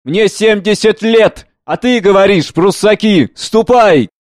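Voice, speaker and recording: A man's voice: high voice, measured pace, no room sound, studio quality, voice pushed up. Man putting on a frantic deaf old gardener. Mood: furious. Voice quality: cracking, shouting old voice. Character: seventy-year-old male gardener, stubborn, deaf, frantic. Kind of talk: dramatic play reading.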